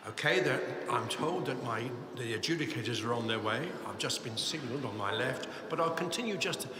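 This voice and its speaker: At a live competition in a large cathedral, a man announces the choirs and judges, chatty and correcting himself with apologetic asides. His mid-range voice has a sharp tone, heard through long cathedral reverb and slight background noise.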